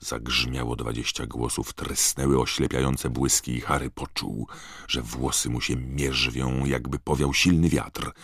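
A man narrating an audiobook in a measured, dramatic reading. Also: a bass voice, flat delivery, fairly bright tone, husky, no room sound, clean studio sound. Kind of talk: scripted narration.

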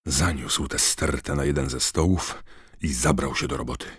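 Very deep husky male storyteller. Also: normal speed, no room sound, clean studio sound. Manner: expressive, dramatic reading. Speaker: audiobook reader. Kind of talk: storybook narration.

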